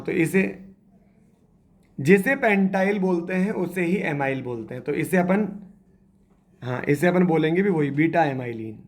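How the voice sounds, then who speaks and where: A man teaching a chemistry class, quizzing the students and repeating their answers as he spells out structures step by step. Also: high voice. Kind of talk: classroom lecture.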